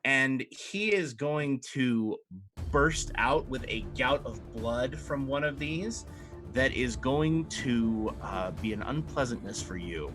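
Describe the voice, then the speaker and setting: A man's voice: mid-range voice, expressive, slow pace, a bit bright. A man running a tabletop game as game master, narrating action and explaining rules conversationally, drawing out words for drama. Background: music.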